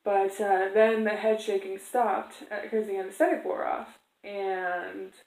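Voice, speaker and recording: Speaking at a measured pace, a woman with a medium-pitched, slightly mellow voice and little pitch movement shares a personal story with her camera audience. She rambles casually and performs the quoted back-and-forths, all in an echoey room.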